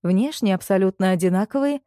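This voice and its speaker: Female audiobook narrator, measured delivery, warm timbre. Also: mid-range voice, lively intonation, no room sound, clean studio sound. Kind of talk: scripted narration of a novel.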